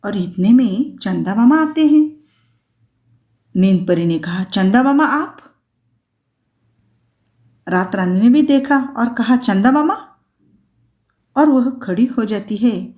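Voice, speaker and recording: A woman's voice: medium pitch, animated, mellow. A woman teacher reading a Hindi story aloud and explaining words for a school lesson. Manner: slow, explaining.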